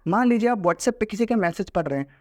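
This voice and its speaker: A man's voice: high-pitched, animated, fast talker. A man with an Indian accent teaching a lesson in a casual, explanatory way, mixing Hindi and English. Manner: explanatory, mixes Hindi and English, acts out example voices.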